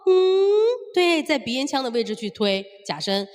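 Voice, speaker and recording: A woman's voice: a little high, expressive, a little fast. A woman singing teacher explaining technique at the piano, stepping through points and checking in with rhetorical questions. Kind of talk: vocal lesson at the piano. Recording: long reverb with piano music behind.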